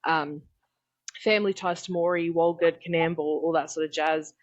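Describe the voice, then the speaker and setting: Young Australian woman, low-ish voice, chatty guest on dull lo-fi call audio, lots of fillers. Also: steady tone, moderate pace. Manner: chatty, laughing, frequent "um" and "like". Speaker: podcast guest. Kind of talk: casual chat. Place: home room. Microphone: video call.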